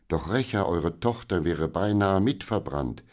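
Excitable storybook housekeeper, flustered and pleading, pitched up and pushed louder, as a deep-voiced male reader puts her on. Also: measured pace. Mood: agitated. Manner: breathless, agitated, pleading. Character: excitable female housekeeper companion, middle-aged. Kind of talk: audiobook character reading.

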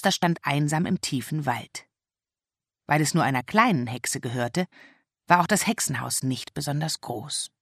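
A narrator reading a children's story aloud in a lively, expressive audiobook style. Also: medium pitch, husky, dry recording, studio quality.

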